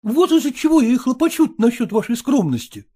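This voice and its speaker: A man's voice: extremely high pitch, big pitch swings, a little fast, dark tone, slightly rough, pitched above the performer's own voice, exaggerated voice. A man reading aloud, voicing an earnest, jealous and self-satisfied male suitor who pleads fervently. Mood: pleading.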